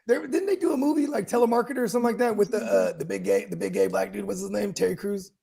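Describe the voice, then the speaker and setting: A man's voice: high-pitched, very animated, racing, vocal fry, dark tone. A man co-hosting a podcast, chatting in a jokey way and slipping into put-on voices to quote people. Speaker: podcast co-host. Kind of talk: casual chat.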